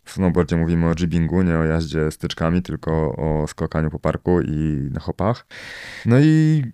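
A man talks loosely as a podcast guest, wandering through his points with fillers and tag questions. His voice sits very low and is smooth and resonant. The sound is close and dry. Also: level tone, fairly quick, mellow, dry recording. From Poland. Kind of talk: casual podcast conversation.

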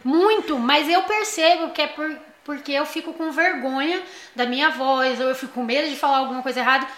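A talkative young Brazilian woman with a high voice, chatting animatedly as a podcast co-host. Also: brisk, echoey room. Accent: Brazilian Portuguese. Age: young adult. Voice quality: high-pitched voice. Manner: talkative, animated, laughs often. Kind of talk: casual chat.

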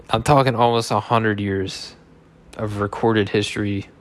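A man's voice: on the low side, background noise. A man in his thirties, a little drunk, rambling through a loose, joking monologue full of swearing. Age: 30s. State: tipsy.

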